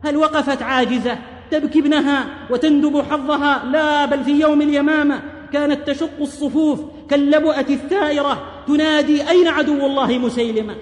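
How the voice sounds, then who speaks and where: A man's voice: very high-pitched, level tone, a little fast. A man preacher telling stories in an impassioned, oratorical sermon, with rhetorical flourishes and recited verse. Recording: echoey hall with long reverb.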